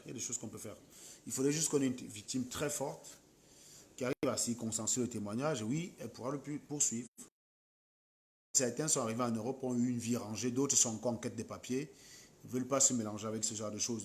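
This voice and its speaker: A man with a Cameroonian French accent talks straight to his viewers on a late-night live stream. His voice sits in a middle pitch, and he scolds commenters bluntly and combatively. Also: a little fast, a little mellow, slight background noise.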